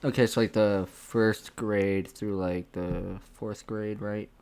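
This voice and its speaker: Man, American, casual guest chat, animated stories, slangy. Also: lowish voice, slow, clean tone.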